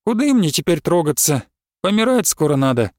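A man's voice: a little high, sing-song, brisk, darkish tone, no room sound, studio quality. A man reading aloud, voicing a bitter, scolding old village woman in a storybook. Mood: weary. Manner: scolding, rustic speech.

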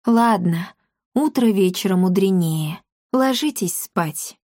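A woman voicing a calm, concerned grown woman in a storybook reading. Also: medium pitch, slow, no echo, clean studio sound. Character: worried thoughtful grown woman.

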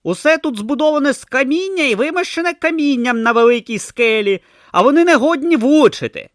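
A man voicing a grumpy, sarcastic god stuck in a male tortoise's body, snapping loudly in an audiobook. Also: extremely high pitch, lively intonation, a little fast, no room sound, studio quality, pitched above the performer's own voice. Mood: grumbling. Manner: snappish, loud, exasperated. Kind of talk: audiobook character voice.

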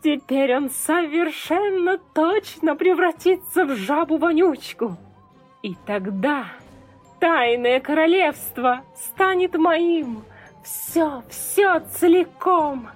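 A spiteful evil queen from a children's storybook, gloating as she drags out each mocking threat, as a woman reader puts her on. Her voice climbs higher and louder than a plain reading, with slow, stretched words. Faint music plays underneath.

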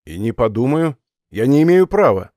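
A man's voice: mid-range voice, big pitch swings, moderate pace, dark tone, dry recording, clean studio sound, natural voice. A man reading an audiobook voices a curt, irritable male spy posing as a captain, talking dismissively.

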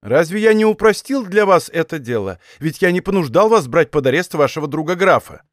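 A man voicing a proud, quick-tempered young king in an audiobook reading, haughty and sharp. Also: on the high side, expressive, no room sound, studio quality, lightly acted. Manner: haughty, raising his voice in anger. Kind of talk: audiobook character voice.

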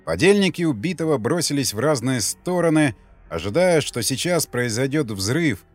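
Male audiobook narrator, mid-pitched, tense and vivid delivery, faint music bed. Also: expressive, moderate pace. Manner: tense, vivid reading that rises for loud quoted lines.

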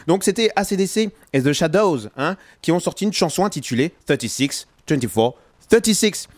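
Lively, chatty male radio host. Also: a little high, normal speed, no echo. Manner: chatty and playful, many fillers, chuckles at his own asides. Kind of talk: casual music radio presenting. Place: radio studio.

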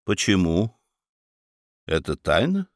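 A sly baron who argues with cheerful irony and cool logic, as a male narrator plays him. The voice stays close to the reader's own but moves with lively pitch. The recording is dry and close. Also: slow, no room sound, heavily acted. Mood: ironic. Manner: cheerful and ironic, calmly logical. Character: Baron Munchausen, sly, witty defendant. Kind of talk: dramatic reading of a story.

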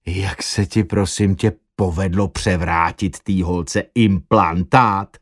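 A man's voice: deep voice, steady tone, dry recording, studio quality, voice pushed down. Man doing wry, teasing young man. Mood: curious.

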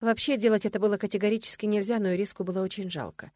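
A woman reading a first-person fantasy audiobook with lively, wry storytelling. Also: mid-range voice, racing, dry recording, studio quality. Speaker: audiobook narrator.

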